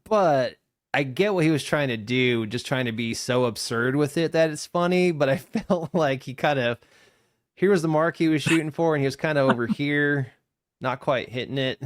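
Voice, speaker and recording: A man co-hosting a podcast, chatting casually as he reacts to a video, with frequent laughter and quick asides. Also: a little high, dry recording, studio quality. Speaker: podcast co-host.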